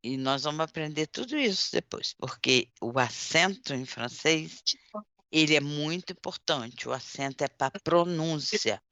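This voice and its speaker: A woman teacher, deliberately spelling out words letter by letter during a class. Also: low-pitched, expressive, fairly bright tone, no echo, muffled recording. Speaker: language teacher. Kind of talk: online class instruction.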